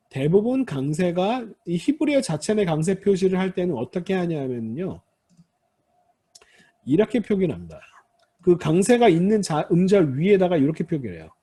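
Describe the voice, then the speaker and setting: A man with a warm, slightly husky voice delivers a recorded Hebrew lecture. He explains step by step and addresses his students politely. His pitch moves in a lively way as he sounds out example words. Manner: demonstrates Hebrew word stress aloud. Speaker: Hebrew instructor.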